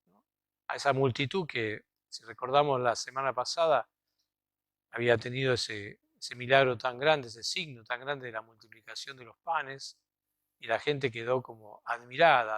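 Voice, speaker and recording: A man's voice: medium pitch, a bit bright, no echo. Argentine man preaching a reflective homily. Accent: Argentine Spanish. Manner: conversational, reflective, frequent checking tags like "¿no?" and "¿vieron?". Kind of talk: sermon. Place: cathedral.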